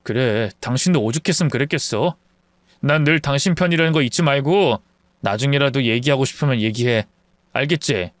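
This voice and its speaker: A man voicing a gentle, supportive husband in a story read-aloud, soft and reassuring. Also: medium pitch, brisk, no room sound, pitched below the performer's own voice, lightly acted.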